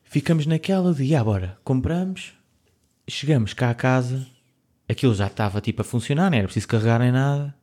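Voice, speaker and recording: Um jovem adulto com sotaque português europeu conta uma história num podcast descontraído. Fala de forma animada, com muitos risos pelo meio, e a voz tem altura média. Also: male voice, medium pitch, fast. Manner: lively storyteller, laughs often. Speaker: podcast co-host. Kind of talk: casual chat.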